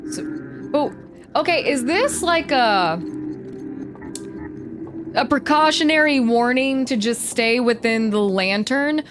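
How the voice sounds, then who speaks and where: A woman hosting a let's-play, thinking aloud with curiosity as she narrates her moves, sometimes dropping to a hush. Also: sits high, takes it slowly, pauses often, background noise. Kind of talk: casual gameplay commentary. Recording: faint game music behind.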